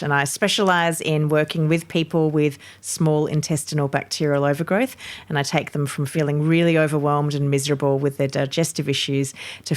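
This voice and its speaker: A middle-aged Australian woman with a low voice recounts her experiences in a candid, energetic way. She sounds like a guest on an interview podcast. Her delivery is conversational and unscripted.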